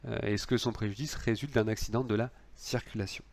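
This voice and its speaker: A man with a lowish voice lectures on law. He explains step by step, often hesitating and restarting his sentences as he works through each point. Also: steady tone, a little fast, vocal fry.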